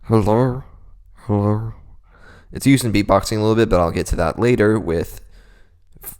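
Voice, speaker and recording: A man's voice: lowish voice, fast talker, a little mellow, smooth. A young man hosting a casual beatboxing tutorial, explaining vocal techniques in a laid-back, self-deprecating way.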